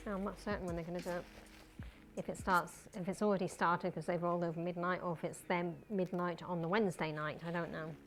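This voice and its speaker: Hosting a cooking livestream, a woman with a broad New Zealand accent talks quickly and casually, joking around in colloquial speech. Her voice is fairly low and steady, with faint music in the background.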